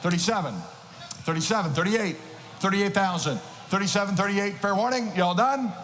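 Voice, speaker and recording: Numbers and filler phrases repeat in an insistent, rhythmic chant as a man calls bids at a moderate pace. He's an auctioneer with a high, fairly bright voice, amplified by an echoing PA in a large, noisy auction hall.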